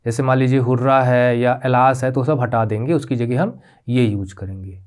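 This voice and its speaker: A male teacher talks over his slides at a middle pitch, patient and methodical. He slows down to spell out key terms and keeps checking in with his students. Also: fairly even intonation, a little mellow. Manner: patient, repeats "ठीक है?" checks with rising pitch; spells out terms slowly, mixing English words into Hindi. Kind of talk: classroom grammar lesson.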